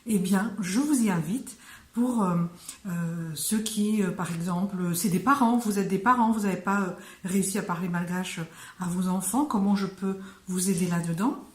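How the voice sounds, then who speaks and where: A woman teaching phrases in French in a casual online lesson, speaking slowly with many hesitations and fillers. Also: medium pitch, reverberant. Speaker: Malagasy language teacher.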